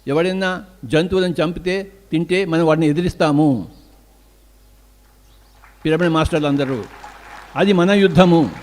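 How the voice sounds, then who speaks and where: A man gives a spiritual discourse in a fairly high-pitched voice. He drives his points home by asking rhetorical questions and answering them emphatically. Birds can be heard faintly behind him. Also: moderate pace, pauses often, darkish tone. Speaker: meditation teacher.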